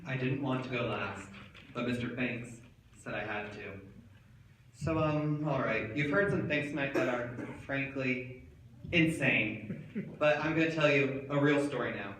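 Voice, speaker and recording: A man performing a comic stage monologue, telling a wild story and shouting the quoted lines. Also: mid-range voice, measured pace. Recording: echoey room, far from the mic, some noise.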